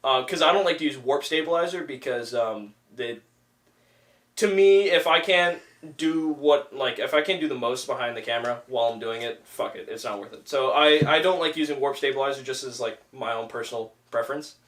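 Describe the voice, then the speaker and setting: A man's voice: mid-range voice, a little fast, fairly bright tone. A young man hosting a casual podcast, rambling with lots of fillers and swearing. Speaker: podcast host and filmmaker. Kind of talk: casual chat. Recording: echoey room, far from mic.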